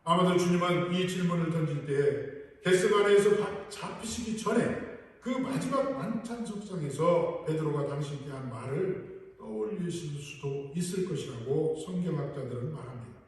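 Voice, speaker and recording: A man's voice: a little high, expressive, normal speed. A male pastor preaching a sermon earnestly and putting rhetorical questions to his congregation. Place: large church sanctuary. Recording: echoey hall, voice from far off.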